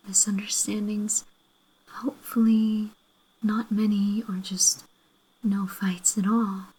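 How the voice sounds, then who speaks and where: A woman playing a loving, apologetic girlfriend in a breathy ASMR role-play, gently making up after a fight. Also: medium pitch, rough recording. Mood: tender, conciliatory. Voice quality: breathy, soft-spoken. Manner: gentle, reconciliatory, making up tenderly.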